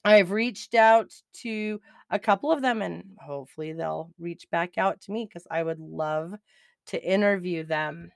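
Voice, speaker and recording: A middle-aged woman hosting a podcast, chatting excitedly and laughing easily as she recaps. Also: lowish voice, a little slow, gravelly, no room sound, clean studio sound. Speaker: podcast host.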